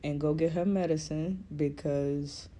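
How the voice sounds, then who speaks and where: A woman co-hosting a casual podcast, telling stories in a playful, expressive, drawn-out way. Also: low voice. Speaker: podcast co-host. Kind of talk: casual storytelling chat.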